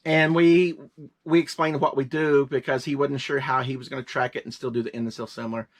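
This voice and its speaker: A man in his fifties co-hosting a reselling show, talking quickly in a rambling, joking, casual way. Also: medium pitch, little pitch movement. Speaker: reseller co-host. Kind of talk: casual chat.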